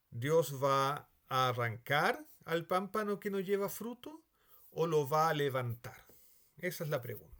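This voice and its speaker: A man's voice: a little high, fairly bright tone. A man explaining a Bible passage in a screen-share lesson, thinking aloud with frequent fillers. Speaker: Bible study teacher.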